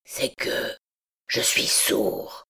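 A woman voicing a deformed, deaf hunchbacked man, speaking in a rough voice kept very soft and half-whispered. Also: very slow. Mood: sorrowful. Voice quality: rough voice spoken very softly. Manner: hushed, half-whispered pleading. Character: deformed deaf hunchbacked male bell-ringer, timid and sorrowful.

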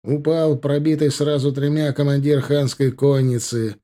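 A man narrating an audiobook in a steady, measured storytelling manner. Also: medium pitch. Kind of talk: scripted narration.

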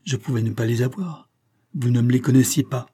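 A man's voice: medium pitch, a little fast, dark tone, slightly rough, lightly acted. A man voicing a stern, indignant middle-aged banker who speaks in a raised, vibrant voice.

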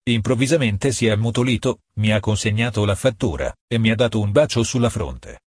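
Low husky male audiobook narrator. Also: lively intonation, brisk, a little mellow, no echo, studio quality.

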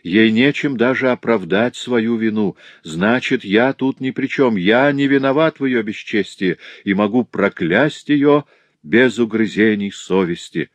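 A man's voice: on the low side, unhurried, dry recording, voice pushed up. A man voicing an enraged grieving father. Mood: bitter. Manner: anguished shouting, bitter outbursts. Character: grief-stricken, enraged old artisan father. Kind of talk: audiobook character voice.

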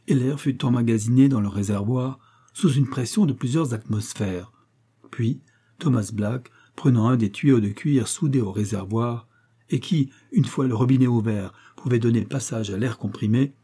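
A man reading a classic adventure novel aloud as an audiobook narrator, dramatic, raising his voice for the shouted lines. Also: mid-range voice, breathy edge.

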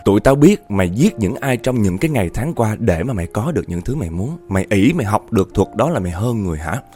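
A storyteller speaks as stern family elders lecturing a wayward relative. The voice is low, dark and lively in pitch. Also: male voice, quick pace, faint music behind. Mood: scolding. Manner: scolding, lecturing.

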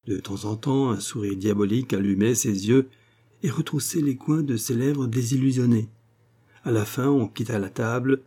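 A man reading a classic novel aloud as an audiobook narrator, in a measured, even storytelling manner. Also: medium pitch, slightly rough. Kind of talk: scripted literary narration.

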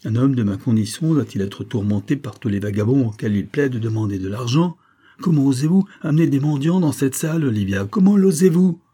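A man's voice: fairly low pitch, fairly quick, few pauses, breathy edge. A man reading an audiobook voices a spoiled young nobleman who rants in fury. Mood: furious. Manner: ranting, shouting.

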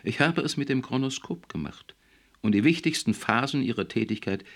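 A man's voice: medium pitch, animated, normal speed, pitched above the performer's own voice, natural voice. A man reading an audiobook, voicing a cold, stern male official who questions and lectures in a cool, probing manner. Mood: lecturing.

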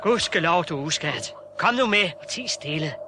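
A man's voice: a little high, expressive, natural voice. An actor playing a brave, determined young reporter who talks to his dog, in a radio play. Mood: urgent. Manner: earnest, calling out to his dog. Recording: noisy old radio-play recording.

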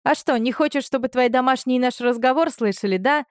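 A woman doing a lively, gossipy female friend. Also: high-pitched, a little fast, no room sound, studio quality, pitched above the performer's own voice, natural voice. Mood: chatty. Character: chatty woman friend on the phone.

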